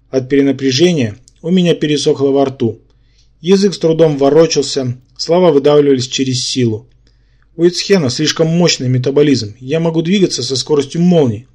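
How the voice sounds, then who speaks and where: A man's voice: medium pitch, mellow. Man narrating a first-person audiobook.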